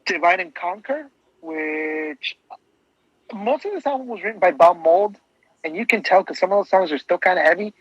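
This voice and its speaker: Man, podcast co-host, higher-pitched and eager, dry and dull lo-fi sound. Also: animated, normal speed, slightly rough, dry recording. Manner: enthusiastic, rambling with restarts. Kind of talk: casual music discussion.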